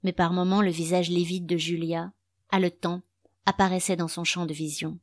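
A woman narrating a novel as an audiobook, with a measured, steady reading style. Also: on the low side, dry recording, studio quality.

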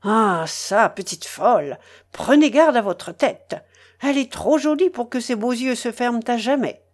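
A woman reading aloud voices a fierce, sardonic male pirate, dropping her voice low and sounding threatening. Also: animated, a little slow. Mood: menacing. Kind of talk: dramatic reading of a novel.

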